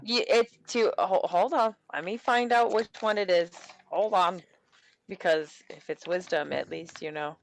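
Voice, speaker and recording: A woman's voice: lowish voice, unhurried, vocal fry. A woman playing a tabletop roleplaying game, rambling and cutting herself off, swearing freely. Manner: rambling, self-interrupting, swears a lot. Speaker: player.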